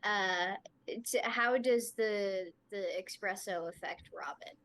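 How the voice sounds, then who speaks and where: A woman's voice: medium pitch, takes it slowly, a bit bright. Eager woman playing a tabletop game. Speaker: player. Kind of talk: casual chat at a tabletop game.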